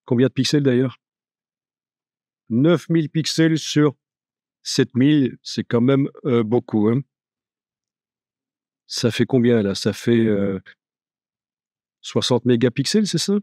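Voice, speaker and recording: A man giving a live software tutorial, chatty and joking, thinking aloud as he works. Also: medium pitch, slow, long pauses, dry recording, clean studio sound. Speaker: software instructor.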